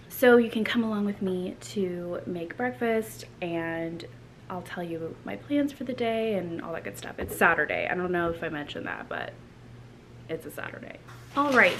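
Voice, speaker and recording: A young woman chatting casually to camera as a vlogger in her home kitchen, relaxed and full of filler words. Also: fairly low pitch. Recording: home recording with clear background noise.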